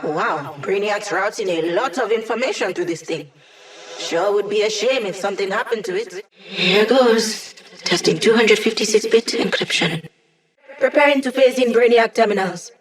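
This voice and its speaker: A woman's voice: medium pitch, moderate pace, natural voice. An actress playing a young female hacker in a video game, with wry, casual, teasing, tech-savvy banter. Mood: dry, low-key, then upbeat, focused. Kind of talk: video game character dialogue.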